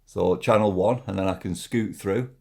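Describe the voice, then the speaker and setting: A man giving a casual, hands-on product review in an informal, halting way, repeating himself as he demonstrates. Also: deep voice, gravelly, warm tone.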